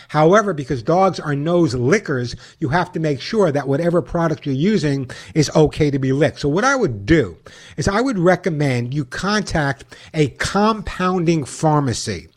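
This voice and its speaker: Higher-pitched man hosting talk radio. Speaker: radio pet show host and caller adviser. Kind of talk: talk radio, advice and scripted sponsor reads.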